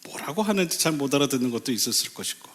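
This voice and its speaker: A male pastor giving a Sunday sermon in a church, asking the congregation questions and lifting his pitch to stress key phrases. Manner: lively, asks the congregation rhetorical questions; sudden pitch lifts for emphasis, slows on key phrases. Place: church sanctuary.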